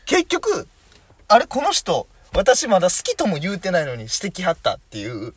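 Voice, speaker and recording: A man's voice: high-pitched, wildly swooping pitch, moderate pace, slightly rough, dry recording. A young man in his twenties with a Kansai accent, co-hosting a comedy talk show and reading out listener letters in a playful, teasing way. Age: 20s. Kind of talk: casual comedic banter.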